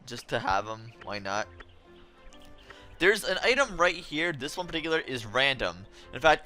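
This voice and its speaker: A man's voice: mid-range voice, sharp tone. A man giving casual, chatty game commentary as a let's play host, wry and easily annoyed.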